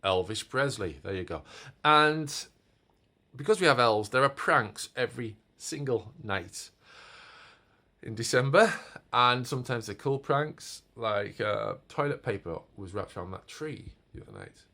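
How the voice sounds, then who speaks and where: A man's voice: mid-range voice, expressive, measured pace, creaky, sharp tone. A man in his forties giving a rambling, self-mocking home vlog with puns, filmed on a phone or camera in his decorated family home. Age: 40s. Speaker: vlogger.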